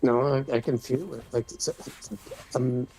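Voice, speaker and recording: A man's voice: medium pitch, moderate pace, gravelly, warm tone, a little hiss or hum, low-quality recording. A man hosting a casual spiritual chat, rambling with many restarts and trailing off.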